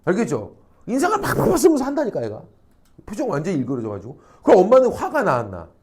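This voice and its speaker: A middle-aged man teaching high school social studies, lecturing in a lively way, acting out quoted people and checking in often with rhetorical questions. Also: quick pace, crowd noise. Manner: animated, acts out quoted people, frequent rhetorical check-ins, salty slang. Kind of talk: classroom lecture. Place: academy classroom.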